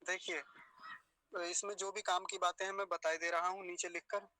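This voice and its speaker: A man teaching pronunciation, saying words slowly syllable by syllable and quizzing his students. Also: high voice, flat delivery, sharp tone, dry recording, poor audio. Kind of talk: pronunciation lesson.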